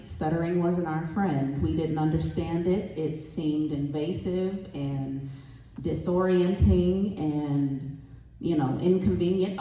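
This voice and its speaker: On a convention hall stage, a woman speaks during a panel discussion as the parent of a child who stutters, sounding earnest and heartfelt. Her voice is fairly low and warm. The hall is echoey and she is far from the mic.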